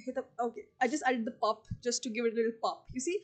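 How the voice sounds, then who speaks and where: A woman from Pakistan hosting a casual podcast interview, animated and teasing, laughing often. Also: fairly high pitch, fast talker. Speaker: podcast host.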